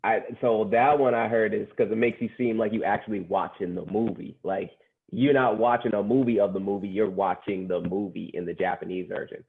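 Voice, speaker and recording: Gravelly low-voiced podcast guy. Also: steady tone, fairly quick, phone-quality sound. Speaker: podcast co-host. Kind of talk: casual podcast chat.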